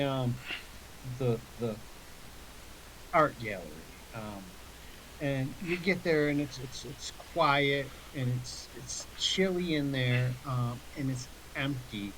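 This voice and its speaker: A man working as game master, casually narrating scenes in a halting, improvised way. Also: medium pitch, a bit bright, poor audio. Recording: faint background hiss.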